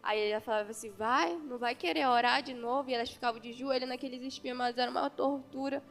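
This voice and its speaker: A woman's voice: sits high, steady tone, fast, a bit bright, long reverb tail, faint music behind. A woman from Brazil with an Amazonas accent, earnestly telling her vision to a church congregation and quoting the dialogue. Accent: Amazonas Brazilian Portuguese. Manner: earnest storytelling, quoting the angel and herself in dialogue. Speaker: church member giving testimony. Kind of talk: testimony of a vision in a church service.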